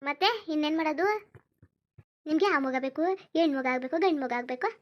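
A woman's voice: sits high, fast talker, highs cut off, lightly acted. A woman voicing a young pregnant village wife in a cartoon, whiny and pleading. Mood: teasing. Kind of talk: cartoon voice acting.

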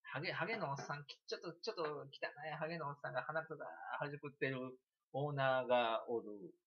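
A man with a Kansai accent, chatting and telling a story on a livestream in an animated, giggly way. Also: a little high, fast, lo-fi sound. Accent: Kansai Japanese. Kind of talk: casual rambling storytelling.

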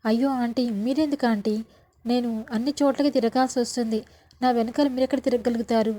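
A woman's voice: fairly high pitch, steady tone, fairly quick, mellow, close to an everyday voice. A woman voicing an angry young man who accuses another man of hiding a missing girl. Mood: urgent. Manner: accusing, demanding.

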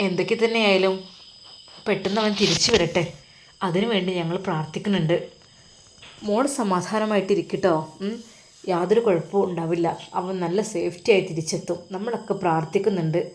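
A woman with a Malappuram Malayalam accent voicing a loving middle-aged father who gently comforts his daughter in a storybook reading. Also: fairly low pitch, steady tone, brisk, natural voice. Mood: soothing. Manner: gentle, soothing, reassuring.

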